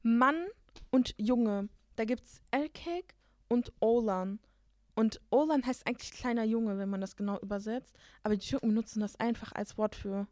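A woman's voice: a little high, normal speed, a little mellow, dry recording. A young woman co-hosting a casual podcast chat, explaining things bluntly and laughing easily. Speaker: podcast co-host.

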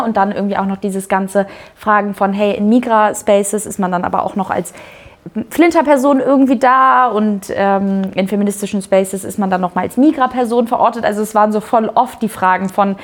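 A young woman panelist talks slowly through her thoughts, casually and reflectively, her sentences full of soft fillers. Her voice sits at an average pitch. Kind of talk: live panel talk.

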